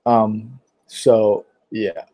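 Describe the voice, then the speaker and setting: Here a young adult from Pittsburgh, Pennsylvania, talks casually on a livestream, fielding viewer questions with a sore throat and plenty of fillers as he rambles. His voice is fairly low and mellow, his intonation fairly even, and his pace extremely slow.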